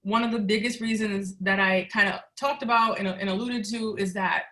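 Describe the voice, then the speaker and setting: Young woman panelist, bright, candid and chatty. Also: medium pitch, steady tone, normal speed. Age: young adult. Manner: candid and chatty, laughing easily. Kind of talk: roundtable discussion.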